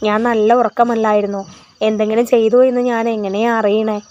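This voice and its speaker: A woman's voice: a little high, flat delivery, a little fast, dull audio, close to an everyday voice. A woman playing a sly teasing young woman. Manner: sly, sharp-tongued.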